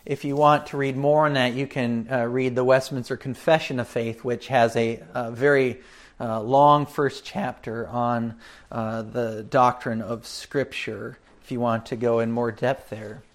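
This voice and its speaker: Slow-speaking man teaching a catechism lesson. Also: medium pitch, little pitch movement. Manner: unhurried, with frequent fillers and asides to listeners. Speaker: pastor.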